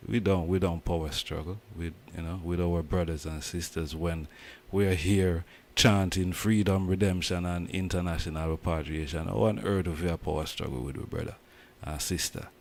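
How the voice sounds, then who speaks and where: Jamaican male host, deep register, emphatic patois talk. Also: fairly even intonation, moderate pace. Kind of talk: casual commentary.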